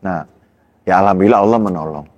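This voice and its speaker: A man recounting his life story in casual talk, animated and rising high when tense. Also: fast, big-room sound, muffled recording. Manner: animated storytelling, pitch jumps high in tense moments, laughs between lines. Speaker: guest telling his story. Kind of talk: personal testimony in casual talk.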